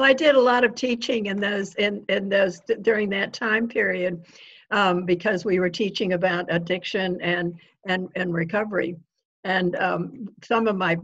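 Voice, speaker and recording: Older woman, breathy, muffled lo-fi audio. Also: fairly low pitch. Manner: eager, reminiscing, quick to agree. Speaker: guest author. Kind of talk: conversational interview.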